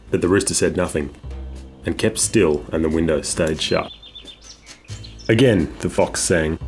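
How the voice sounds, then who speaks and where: Deep-voiced male storyteller. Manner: measured, expressive. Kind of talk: scripted storybook narration. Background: guitar music.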